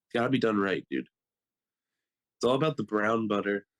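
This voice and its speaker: A man co-hosting a podcast who tells animated stories in casual chat, full of "like". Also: fairly low pitch, moderate pace. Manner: animated storyteller, fills with "like". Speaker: podcast co-host.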